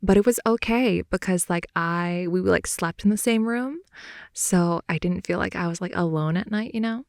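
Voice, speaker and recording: Close to a dry, studio-style mic, an ASMR performer improvises intimate girlfriend-style audio, sharing personal stories. Her voice is on the low side, creaky and darkish, at normal speed, and her casual speech rambles hesitantly with lots of fillers.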